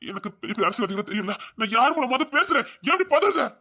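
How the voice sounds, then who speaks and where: Fast-talking husband, tirunelveli tamil accent, begging sorry again and again, tv serial. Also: male voice, very high-pitched, big pitch swings, bright, forceful tone, full character voice. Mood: pleading. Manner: pleading, repeating apologies, fast and soothing. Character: remorseful, anxious young husband, doting. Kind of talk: TV serial acting.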